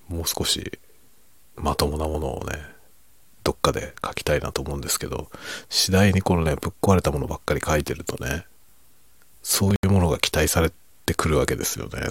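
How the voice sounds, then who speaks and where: A middle-aged man in a quiet, rambling, self-deprecating late-night monologue meant for falling asleep, in a hushed voice that often drops toward a whisper. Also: rumbling low, a little fast, slightly rough, dry recording. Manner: self-deprecating, rambling, chuckling under his breath. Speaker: fiction writer chatting to listeners.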